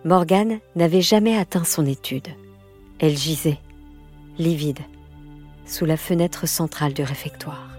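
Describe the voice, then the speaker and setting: A woman reads a children's novel in a fairly low, measured voice, expressive without rushing. Soft music plays faintly behind her. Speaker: audiobook narrator. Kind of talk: scripted storybook narration.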